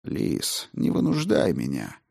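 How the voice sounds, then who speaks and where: A man voicing a gruff, evasive middle-aged father who answers in curt, grumbling tones in an audiobook. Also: low voice, expressive, normal speed, darkish tone. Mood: low, threatening.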